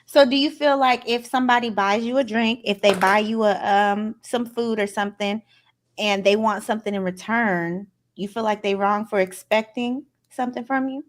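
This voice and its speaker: A woman's voice: mid-range voice, fairly even intonation, normal speed. A woman co-hosting a podcast, giving her opinions in casual chat. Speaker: podcast co-host.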